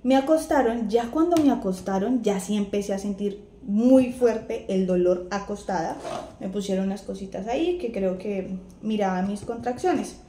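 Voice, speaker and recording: A young woman vlogger with a Colombian accent chats through a personal story, her medium-pitched voice at a moderate pace as she acts out quotes from others. A little hiss or hum sits in the echoey, faintly ambient room.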